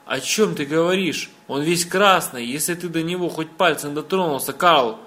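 A man's voice: fairly high pitch, normal speed. Man voicing a protective mother, fussing, anxious, storybook reading. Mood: alarmed. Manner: tender, anxious, then sharp.

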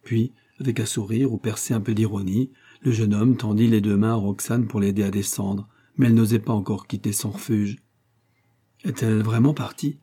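A man reading a classic novella aloud in measured, even storytelling. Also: fairly low pitch, breathy edge. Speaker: audiobook narrator. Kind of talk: scripted narration of a novella.

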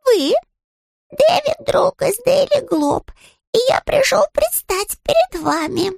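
A polite, earnest little bear cub from a storybook speaks in a very high voice that leaps all over, as a woman puts him on. The voice has a gravelly edge and a close, dry sound. He is patient even when misunderstood. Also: slow, no echo, full character voice.

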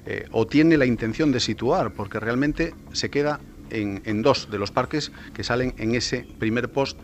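A man's voice: medium pitch, normal speed, a little hiss or hum. A man speaking as a journalist guest on a radio talk show, explaining at length with many fillers.

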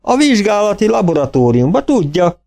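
A man's voice: high-pitched, very animated, creaky, a little mellow, pitched above the performer's own voice, full character voice. A man voicing a big, stately old farmer who talks in rustic country dialect, in an audiobook. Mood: insistent.

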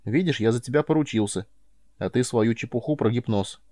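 A calm alien mentor in a man's voice, patient and dry in his measured explanations, as the storyteller reads him. The tone is low and dark, and the recording is close with no room sound. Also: dry recording, lightly acted.

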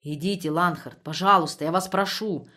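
A woman voicing a gentle German man who pleads softly but firmly in broken Russian. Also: on the low side, normal speed. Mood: pleading.

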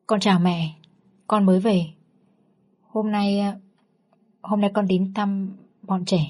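A woman's voice: medium pitch, normal speed, darkish tone, breathy edge, natural voice. Woman reading as a humble pleading son-in-law. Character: remorseful ex-convict son-in-law, man.

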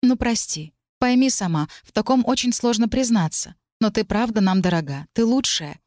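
A woman's voice: a little high, lively intonation, moderate pace, darkish tone, dry recording, voice pushed up, close to an everyday voice. An earnest young woman, voiced by a woman narrator, speaks in a raised, pleading voice. Her voice sits a little above the reader's own. The recording is dry.

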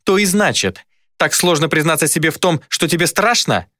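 A man's voice: a little high, animated, bright, forceful tone, no room sound, studio quality, voice pushed up. A man voicing a cruel, mocking female demon who taunts coldly. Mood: taunting. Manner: sneering, cold, unhurried taunts.

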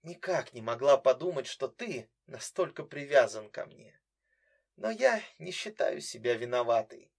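A man's voice: mid-range voice, expressive, measured pace, vocal fry, husky, full character voice. A man voicing a bitter, mocking young woman who coldly accuses her brother in an audiobook.

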